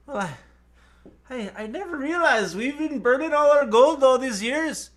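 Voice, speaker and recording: A man's voice: very high-pitched, animated, moderate pace, voice pushed up. A man voicing a jolly male leprechaun in an exaggerated put-on Irish accent, hearty and bold.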